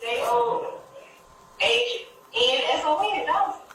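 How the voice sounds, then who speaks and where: A woman's voice: very high-pitched, sing-song, slow, a bit bright. Woman coming through a phone speaker, far off and echoey, short cagey answers, faint hiss. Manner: terse, evasive short answers. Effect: heard through a phone on speakerphone. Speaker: caller on speakerphone.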